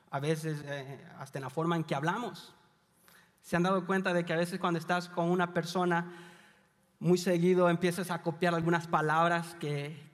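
Male pastor from El Salvador, high register; chatty, confiding sermon delivery; long hall reverb. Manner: conversational, confiding, with light humor. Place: church hall.

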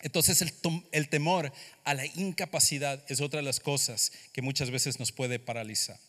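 A man's voice: mid-range voice, fairly even intonation, normal speed, fairly bright tone. A man preaching a sermon on a microphone in a church hall. He talks emphatically and repeats key phrases. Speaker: pastor. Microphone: handheld or stand microphone. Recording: long hall reverb.

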